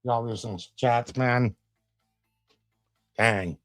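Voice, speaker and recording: A man's voice: mid-range voice, fairly even intonation, drawn-out words, dry recording, faint music behind. A man giving casual commentary on a clip as a reaction streamer, chatty and laid-back with preachy asides.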